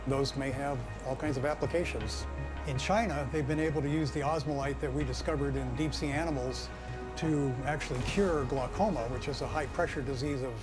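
A man's voice: medium pitch, steady tone, a little fast, music in the background. A man speaking as an expedition scientist, explaining informally.

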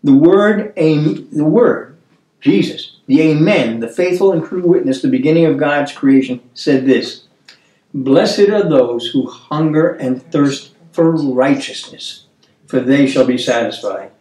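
A man's voice: a little high, warm tone. Older man, roomy and distant. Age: 70s. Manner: earnest, storytelling, halting restarts. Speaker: Bible study host. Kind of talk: casual Bible discussion. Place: dining room table, indoors.

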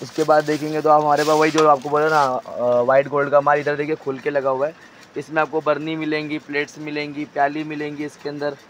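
A man showing stock in a crowded wholesale storeroom, briskly listing items and prices and telling a helper what to hold up. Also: a little high, flat delivery, a little hiss or hum. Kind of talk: walk-through product showcase.

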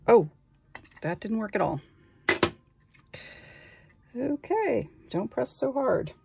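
Speaking slowly in a high-leaning, creaky voice with big swings in pitch, a glass artist narrates her craft at a workbench in her home. There is background noise, and she muses aloud, unsure of each move as she goes.

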